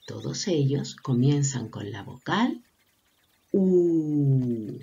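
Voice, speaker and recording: A woman teaches preschoolers their vowels, stretching words out slowly and warmly praising each answer. Her voice sits low and mellow with a slightly breathy edge, yet her pitch leaps widely in a sing-song way. The recording sounds dull and lo-fi. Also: very animated. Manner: affectionate, encouraging, asks children questions. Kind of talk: slow, sing-song lesson for young children.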